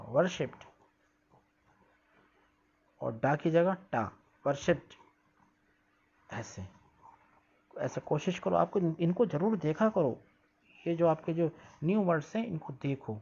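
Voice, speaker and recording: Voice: medium pitch, gravelly, darkish tone. A teacher reading English sentences aloud and explaining them in Hindi, asking the pupils questions and drilling pronunciation. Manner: reads English lines slowly, then explains and drills pronunciation; asks questions to students and answers them. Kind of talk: classroom lesson explaining English text in Hindi. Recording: dull lo-fi sound.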